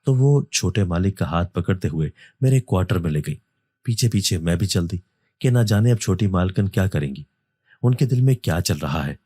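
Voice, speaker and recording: A man reading a first-person horror story as a storyteller, in a steady, even manner. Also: sits low, dry recording, clean studio sound. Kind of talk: scripted narration of a horror story.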